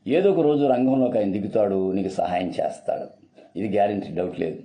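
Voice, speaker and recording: A man's voice: lowish voice, fairly quick, mellow, poor audio. A man preaching a sermon in an earnest, repetitive, urgent style.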